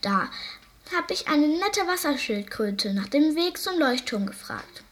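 A woman's voice: high voice, very animated, unhurried, voice pushed up. A woman voicing a little young female guillemot in a storybook, telling her tale in a tired, eager way.

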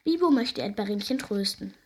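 A woman reading a children's story aloud in a gentle, lively way. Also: mid-range voice, moderate pace, slightly rough.

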